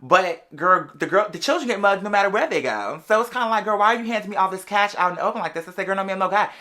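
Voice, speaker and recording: With a medium-pitched voice, this host spins a casual story from her own life for her listeners. It's animated and sassy, slang-heavy, with long drawn-out words for emphasis and constant calls of "girl."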